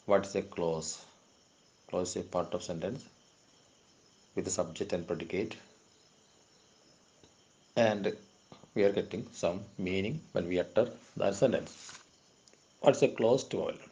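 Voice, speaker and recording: A university lecturer with a Kerala accent runs an exam question-and-answer session on linguistics, slowly reading English definitions before explaining them in quicker Malayalam asides. His voice sits low and sounds a little mellow.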